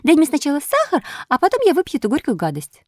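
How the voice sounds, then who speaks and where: Storybook: woman playing a bratty puppet boy, pitched very high, wheedling and shrill. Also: huge pitch swings, quick pace, no room sound, clean studio sound. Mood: whiny. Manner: whining, pleading, shrill. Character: whiny, stubborn wooden boy puppet. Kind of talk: storybook reading.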